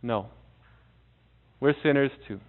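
A middle-aged male pastor preaching a sermon in a church, earnest, with dramatic pauses and soft drops. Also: medium pitch. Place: church sanctuary before a seated congregation. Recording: tinny phone-like audio.

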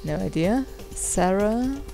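A woman's voice: medium pitch, lively intonation, takes it slowly, gravelly. A woman hosting a let's play, musing aloud and stumbling as she reads dialogue options. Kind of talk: casual gameplay commentary. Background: faint game music.

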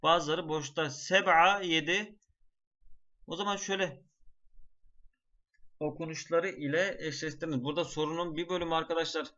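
A man's voice: on the high side, fairly even intonation, moderate pace, long pauses, pushed and bright. A man teaching an exam-prep lesson step by step, chanting word lists in a sing-song melody. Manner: explains step by step, often addressing the class. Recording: dull lo-fi sound.

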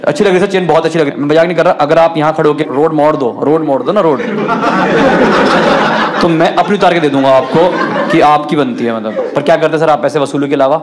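Male stand-up comic, teasing crowd-work banter, live club, loud crowd and noise. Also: fairly high pitch, fast talker. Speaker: stand-up comedian. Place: comedy club, live show.

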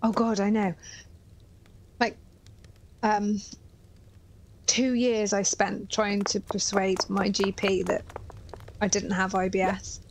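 A woman in her thirties from Herefordshire, England, plays a game live and reads viewer messages aloud in a Welsh-border English accent, speaking casually through a headset in a small indoor room. Her medium-pitched delivery is flat and slow with frequent pauses, and the recording quality is low.

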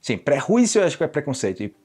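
Racing along in a somewhat high voice with a breathy edge, a young Brazilian man explains Portuguese phrases in a language lesson. He animatedly performs each example, switching voices as he goes.

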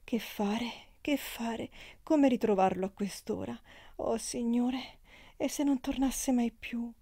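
A woman voicing a passionate, tearful young circus horsewoman who pleads in high, crying tones. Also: steady tone, takes it slowly, mellow, husky, full character voice. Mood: anxious.

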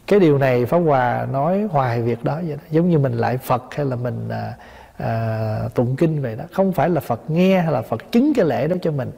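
A man's voice: mid-range voice, gravelly, warm tone, husky. A man, a Buddhist monk, giving a dharma talk, explaining patiently and asking listeners rhetorical questions. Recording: long hall reverb.

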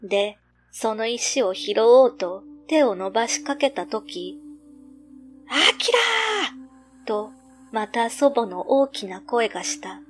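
A woman reading a scripted ghost story as narrator, measured and suspenseful, pausing between short phrases. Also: fairly high pitch, a little mellow, soft background music.

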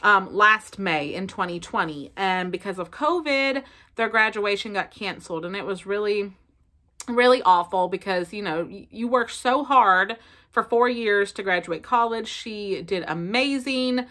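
A woman in her thirties from South Carolina chats to the camera from her bedroom as a family vlogger, her Southern American accent coming through in a mid-range, unhurried voice. She's chatty and expressive, full of fillers, and the camera sits close in front of her.

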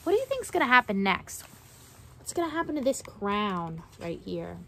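A young adult storyteller reads a picture book expressively to kids on an outdoor wooden deck in a backyard, acting out the verses and posing questions to them. She has a medium-pitched, slightly bright voice with big pitch swings at a moderate pace, and there's a little hiss or hum.

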